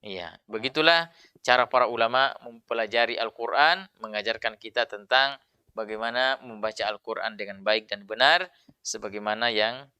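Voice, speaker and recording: Bright, clear male Quran teacher. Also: fairly low pitch, normal speed, no echo. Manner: demonstrates letter sounds by repeated drills; patient, explanatory, many filler "ya". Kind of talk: tajwid pronunciation lesson.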